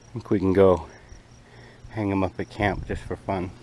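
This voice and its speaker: Deep voiced guy just chatting on a camping vlog, outside, little bit of bug noise behind him. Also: little pitch movement, normal speed, a little mellow. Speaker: outdoor camping vlogger. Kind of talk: casual outdoor vlog chat. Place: outdoors on an open rocky lakeshore. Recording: outdoor action camera, faint background noise.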